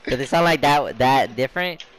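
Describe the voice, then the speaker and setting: A young man talking with a squeaky, high voice from inhaled helium, goofing around with friends. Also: normal speed. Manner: goofy, swearing, laughing at his own voice. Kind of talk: casual chat among friends. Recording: loud background noise.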